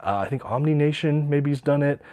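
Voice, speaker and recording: A man's voice: fairly high pitch, moderate pace, dark tone. A man hosting a casual livestream, talking eagerly with many ums and uhs, a little out of breath from a cold. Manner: enthusiastic, many ums and uhs, reads out viewer questions. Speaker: livestream host showing his comic collection.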